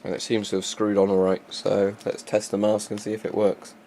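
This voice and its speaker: A man's voice: lowish voice, completely flat delivery, a little fast, dark tone. A man giving a casual, unscripted hands-on demonstration as a presenter. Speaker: presenter showing military gas masks. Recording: faint background noise, amateur recording.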